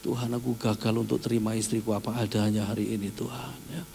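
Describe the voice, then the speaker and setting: A middle-aged male pastor, preaching in a storytelling way, acting out dialogue and rising to loud shouts. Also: lowish voice, flat delivery, fast talker, gravelly. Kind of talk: sermon. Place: church hall. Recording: long hall reverb, faint noise.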